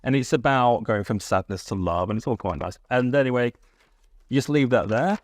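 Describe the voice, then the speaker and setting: A man explaining a mentalism card routine in a relaxed, wry way, with asides. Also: mid-range voice, fairly quick, no room sound. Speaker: magic instructor. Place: London studio.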